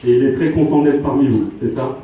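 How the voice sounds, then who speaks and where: A man working as a stage hypnotist, his voice mellow and dark, giving slow, commanding suggestions and countdowns. He is picked up from far away in a very echoey live venue. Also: mid-range voice. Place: live show at a campsite venue.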